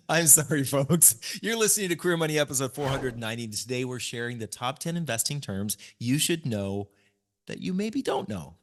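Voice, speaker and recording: A man's voice: medium pitch, expressive, moderate pace. A middle-aged man co-hosting a podcast, explaining things patiently and laughing often. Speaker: podcast co-host. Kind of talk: casual chat.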